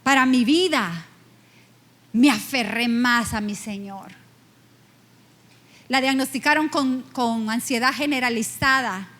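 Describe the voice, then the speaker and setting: Middle-aged lady pastor, high voice, emotional testimony sermon, slows way down to stress stuff. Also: a bit bright. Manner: emotional, personal storytelling with slow emphatic pauses.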